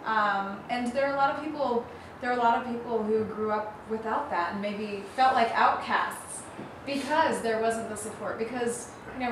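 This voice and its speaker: A woman's voice: medium pitch, recorded from a distance. A woman hosting a casual interview, reflecting on and summing up her guest's points in a supportive way. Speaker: interviewer, magazine host. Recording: echoey room, voice from off-mic, noisy background.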